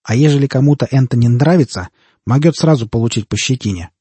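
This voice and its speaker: A man voicing a crude, loud male bounty hunter who swaggers in rough country dialect. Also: mid-range voice, fast, no echo, natural voice. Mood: swaggering.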